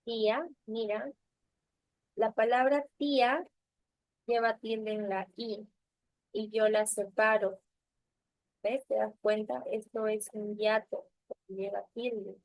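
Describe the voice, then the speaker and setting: A woman's voice: medium pitch, level tone, takes it slowly, long pauses, no room sound, lo-fi sound. A young woman teaching an online class through a computer mic, patient and checking often that students follow. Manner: patient, checks understanding with frequent tag questions. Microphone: computer mic on a video call.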